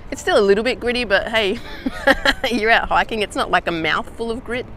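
An Australian woman vlogging outdoors in a casual how-to chat, slangy and relaxed with easy laughs. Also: fairly high pitch, moderate pace, slight background noise. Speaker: hiking vlogger.

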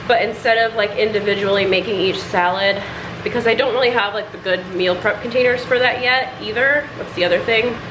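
Chatty young woman vlogging in her kitchen. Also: medium pitch. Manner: chatty, filler-heavy, explaining as she cooks. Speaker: lifestyle vlogger. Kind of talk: casual vlog narration. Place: home kitchen, indoors. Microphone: phone or camera held at arm's length. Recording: noticeable kitchen background noise.

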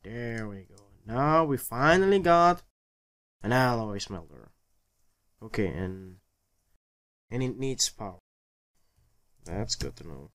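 A man's voice: on the low side, lively intonation, slow pace, long pauses. A man giving casual let's play commentary, muttering to himself in short fragments with a grumbly, exasperated edge. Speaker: gaming video host.

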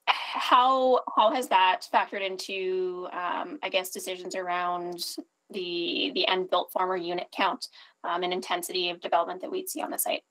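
A woman's voice: medium pitch, a bit bright. A woman city councillor politely asking an applicant a question at a public hearing over a video call.

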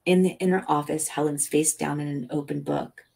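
A woman reading a novel aloud as a calm, soothing bedtime story. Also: low voice, creaky, husky, low-quality recording. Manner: slow, calm, soothing delivery. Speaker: audiobook reader.

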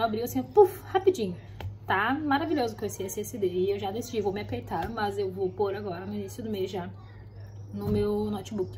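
A woman's voice: mid-range voice, a little mellow, a little hiss or hum. A woman vlogging casually from her craft studio, chatty and rambling, often checking in with "right?" and her viewers. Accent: Brazilian Portuguese. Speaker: vlogger running a custom stationery studio. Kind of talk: casual vlog chat to camera.

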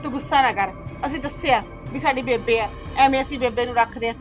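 A woman's voice: a little high, quick pace, soft background music, lightly acted. A woman playing a young daughter-in-law who coaxes and soothes her mother-in-law. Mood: coaxing. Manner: coaxing, soothing, persuasive. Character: coaxing young daughter-in-law, cheerful peacemaker. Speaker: daughter-in-law in a family drama. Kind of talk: village web-series acting.

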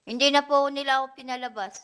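Soft-spoken woman giving polite testimony. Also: high-pitched, fairly even intonation, fast talker. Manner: soft, polite, short answers. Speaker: witness, domestic worker. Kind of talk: testimony at a hearing. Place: legislative hearing room.

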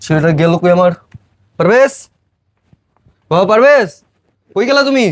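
A man playing a frantic village father, very high voice. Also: animated, normal speed, dry recording. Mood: worried. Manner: shouting, accusing, pleading. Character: distraught village father, home after long away. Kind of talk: amateur short film drama.

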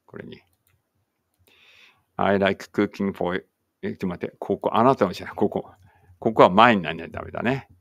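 A man's voice: on the low side, very fast, creaky, fairly bright tone, no echo. A man teaching an online English writing lesson, thinking aloud as he types and chatting encouragingly to students.

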